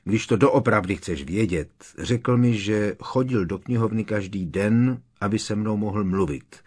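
A man voicing an indignant, sharp-tongued clever teenage girl witch in an audiobook reading. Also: lowish voice, slightly rough.

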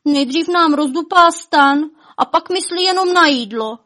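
A woman voicing a group of small distraught elves in a storybook, wailing and lamenting loudly. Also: high-pitched, pitched above the performer's own voice.

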